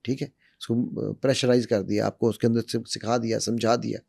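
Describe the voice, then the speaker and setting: A man in middle age lays out how to speak in public, teaching patiently through demonstrations and repeated examples. His voice is mellow and dark, recorded dry and close with no room sound. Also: medium pitch, flat delivery, fairly quick, vocal fry, no echo. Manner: demonstrative, uses repetition and acted examples. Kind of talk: animated explanatory talk.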